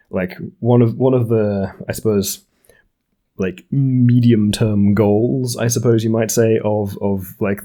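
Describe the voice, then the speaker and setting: A man's voice: on the low side, mellow. A man in his late twenties co-hosting a podcast, talking through ideas in a thoughtful, hedging way with many restarts. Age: 20s. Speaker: podcast co-host. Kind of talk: casual science discussion.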